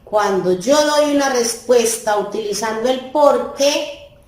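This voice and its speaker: A woman teacher giving a recorded class lesson, slow and deliberate, stressing key words. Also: on the high side, a little mellow. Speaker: primary school teacher. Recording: echoey room.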